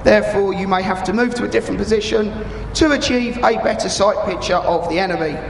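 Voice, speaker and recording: This British commentator, in his thirties, has a high voice with vocal fry and a quick pace. He talks spectators through a military display live in casual language over a public address mic, and the arena PA echoes over crowd noise.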